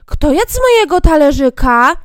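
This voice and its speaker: Squeaky little fairy tale dwarfs a woman puts on, way high, dry close sound. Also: big pitch swings, normal speed, no room sound. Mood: astonished. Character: seven tiny excited dwarfs, squeaky and fussy.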